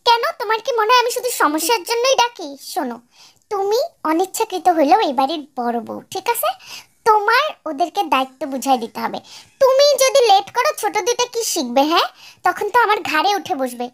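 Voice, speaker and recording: A woman's voice: very high voice, very animated, fairly quick. A woman putting on a harsh, bossy older mother-in-law. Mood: scolding. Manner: harsh, nagging, abusive scolding. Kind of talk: fan-dub radio drama.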